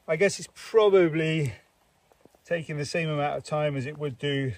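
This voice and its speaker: A middle-aged father who vlogs chats patiently and encouragingly while doing garden work outdoors, his slightly high voice at normal speed. A camera a few metres away picks him up off-mic, with outdoor noise and handling clicks in the recording.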